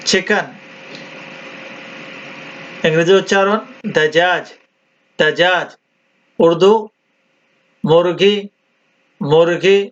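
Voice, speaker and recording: A man teaching vocabulary, deliberately repeating each word several times. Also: fairly high pitch, fairly bright tone. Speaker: language teacher. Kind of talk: slow vocabulary drill. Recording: dull lo-fi sound.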